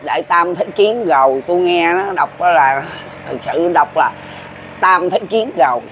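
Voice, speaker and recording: A man's voice: on the high side, animated, measured pace, a bit bright, a little hiss or hum. A man in his seventies with a Southern Vietnamese accent, talking to viewers in a rambling, folksy way and repeating himself. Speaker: folk prophecy commentator. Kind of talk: casual monologue to viewers.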